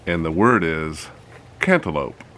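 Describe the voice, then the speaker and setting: Standing outdoors by a farm fence, a middle-aged hobby farmer narrates a casual vlog, chatting and joking with viewers and his animals. His voice is extremely low yet fairly bright, expressive and unhurried, with a little hiss or hum.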